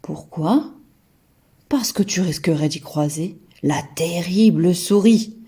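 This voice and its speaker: Cautioning monster father, played by a woman in toddler storytime: grave, drawn-out, dramatic, softly husky. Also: on the low side, exaggerated voice. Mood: stern warning. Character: adult male monster father, solemn, cautioning, exaggerating.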